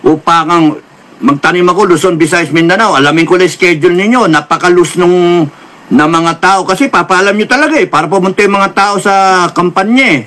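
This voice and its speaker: High bright-voiced Filipino man lecturing. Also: brisk. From Philippines. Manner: lecturing, repeated apologies, mixes English phrases. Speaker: commentator. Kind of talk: political commentary.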